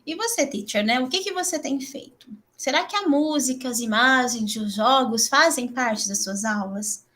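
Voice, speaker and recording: A woman with a Brazilian accent, a middle-aged English teacher giving a chatty, animated training talk to other teachers, filling pauses with "né". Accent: Brazilian Portuguese. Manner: chatty, fills with frequent "né"; animated, laughs and jumps up in pitch.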